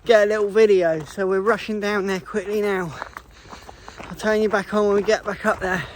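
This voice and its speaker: A man's voice: sits high, fairly even intonation, normal speed, a little hiss or hum. A man vlogging outdoors beside a fishing lake, chatting casually and breaking off mid-sentence. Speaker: vlogger, angler. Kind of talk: casual vlog chat.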